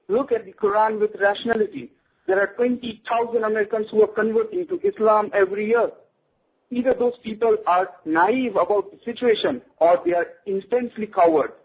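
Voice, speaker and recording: Over a tinny phone line, a man with a high, slightly rough voice lectures emphatically as a guest in a radio interview.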